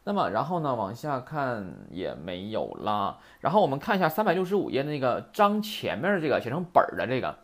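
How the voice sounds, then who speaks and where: A man's voice: medium pitch, fairly quick, few pauses. Chatty guy teaching japanese grammar, voice swings up and down a lot, lots of "right?". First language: Mandarin. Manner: lively, chatty, asks rhetorical questions. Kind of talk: classroom grammar lecture.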